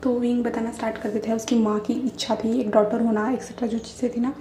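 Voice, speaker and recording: Woman storyteller, chatty retelling, flat delivery, slightly high voice. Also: quick pace, slight background noise. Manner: chatty retelling, frequent fillers. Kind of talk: casual story narration. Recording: echoey room.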